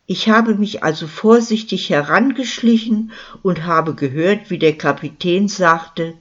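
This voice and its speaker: Smug lying miller guy, narrator doing him, slow talker, kinda muffled recording. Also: sits high, fairly bright tone. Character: boastful lying male village miller, smug. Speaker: character in a crime story. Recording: dull lo-fi recording.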